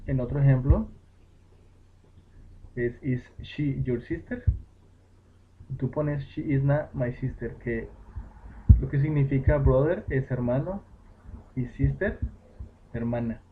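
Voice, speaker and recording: A man teaches at a slow, unhurried pace, pausing on fillers and correcting himself as he goes. His voice sits in an ordinary middle register. The recording is thin and phone-like, with a faint hiss underneath. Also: medium pitch. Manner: slow, patient explaining with fillers and self-corrections. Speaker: English teacher. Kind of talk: home-made lesson explaining grammar.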